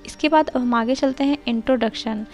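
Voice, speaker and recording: A woman tutor explaining a lesson plan in a calm teaching style, mixing Hindi with English and reading the English lines slowly and carefully. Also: a little high, soft background music. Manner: switches between Hindi and English.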